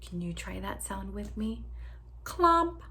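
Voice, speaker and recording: With some noise in the background, a woman teacher animatedly reads a picture book aloud to little ones. She speaks slowly in a mid-range voice, drawing out sound words and encouraging the children to chime in.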